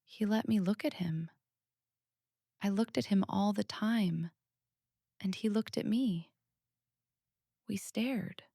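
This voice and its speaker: A woman voicing an earnest, matter-of-fact little girl who speaks softly but firmly, in a storybook reading. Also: medium pitch, slow pace, gravelly, pauses often, dry recording, clean studio sound, voice pushed up.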